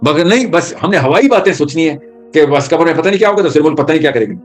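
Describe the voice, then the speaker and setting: A man giving a religious talk, telling stories with energy and mixing English terms into his speech. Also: a little high. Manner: animated storytelling, mixing English terms into Urdu. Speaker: Islamic speaker.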